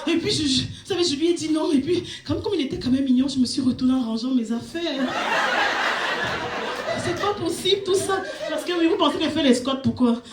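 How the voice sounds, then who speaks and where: A woman performing a stand-up comedy set on a club stage, telling her story with big animated swings and shrieks at the punchlines. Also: high voice, fairly quick. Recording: echoey club with audience noise. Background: audience laughter.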